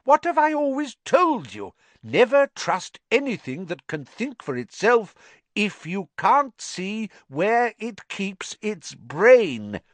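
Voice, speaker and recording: Guy doing a flustered wizard dad, stammery and exasperated, pitched up. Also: very animated, takes it slowly, no room sound, heavily acted. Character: flustered middle-aged father wizard.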